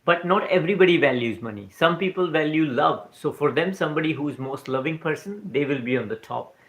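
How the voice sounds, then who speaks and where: A man's voice: on the high side, lively intonation, a little fast, a bit bright. A man with an Indian accent, English not his first language, talking casually about spirituality on a livestream, answering chat comments and often tagging "right?" onto his points. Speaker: livestream host. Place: live stream recorded in New Zealand.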